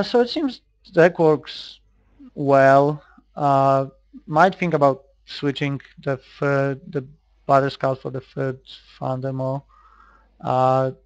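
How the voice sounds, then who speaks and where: A Polish man with a Polish accent records himself playing an online card game, thinking aloud in casual, hesitant commentary. His medium-pitched voice is creaky, and the recording sounds dry and muffled.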